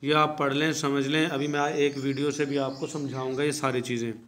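Man lecturing, flat steady delivery, patient explanations, faint background hiss. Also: mid-range voice. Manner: explains slowly, calls students 'beta', reads English text slowly then explains it. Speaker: teacher. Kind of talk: recorded lecture.

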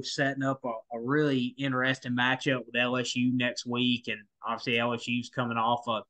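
Bright-voiced male sports podcaster. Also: medium pitch. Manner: rambling, many restarts and fillers. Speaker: podcast co-host. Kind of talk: casual sports talk.

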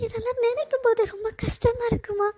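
A tearful young bride-to-be. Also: female voice, extremely high pitch, normal speed. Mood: sad, pleading. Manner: pleading, upset. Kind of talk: cartoon voice acting.

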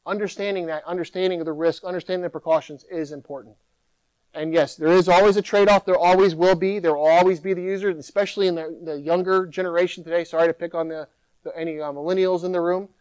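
A middle-aged man, a keynote speaker, answering audience questions at a conference podium in an animated way, sometimes mimicking complaining users. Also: sits high, quick pace, smooth, no echo, poor audio. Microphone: podium microphone.

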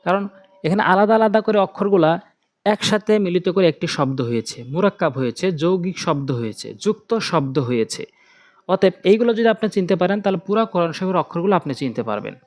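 A man teaching Quran letter pronunciation, calling each Arabic letter slowly and repeating it for drilling. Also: sits high, lively intonation. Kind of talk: slow letter-by-letter pronunciation lesson.

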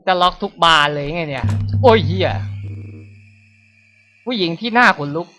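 A man's voice: high-pitched, animated, moderate pace, bright, forceful tone, soft background music. A man giving casual, reactive let's-play commentary on a horror game, with frequent exclamations. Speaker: gaming streamer.

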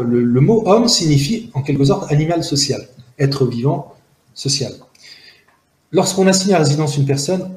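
This interview guest, a man in his forties from Algeria who grew up speaking Arabic, reflects on his experiences outdoors in a garden setting near buildings, close to the camera. His medium-pitched voice is mellow, and the audio has a roomy quality. Earnest and analytical, he frequently pauses, restarts and leans on fillers.

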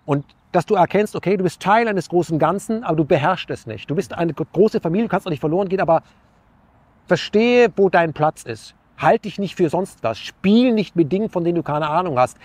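High-voiced man musing earnestly. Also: expressive, brisk, a little mellow, dry recording. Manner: earnest, musing, rhetorical questions, many restarts. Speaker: interview guest. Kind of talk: reflective philosophical talk.

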